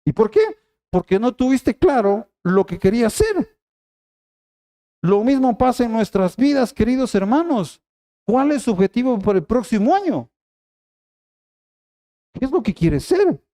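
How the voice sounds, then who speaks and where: A man's voice: extremely high pitch, big pitch swings, unhurried, pauses often, warm tone. A middle-aged man preaching a sermon, emphatic and repeating key phrases as he speaks straight to the congregation. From Ecuador.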